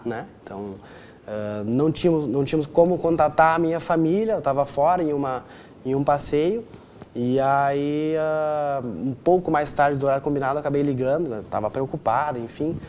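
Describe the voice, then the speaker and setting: This interview guest is a man in his twenties from Rio Grande do Sul whose southern Brazilian accent comes through in a somewhat high, darkish voice at normal speed. He answers conversationally and often asks tag questions for agreement, with slight background noise.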